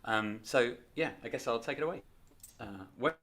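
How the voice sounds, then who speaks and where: Man of middle pitch, quiet and quick, chatting casually about a show. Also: slight background noise. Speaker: musical theatre performer and co-creator. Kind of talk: casual chat.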